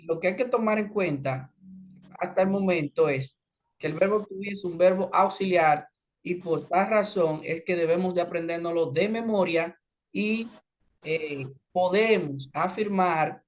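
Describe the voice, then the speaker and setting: Slow-woman teacher, low voice. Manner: explains slowly in Spanish, mixes in English examples. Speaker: English teacher. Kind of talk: online class lesson.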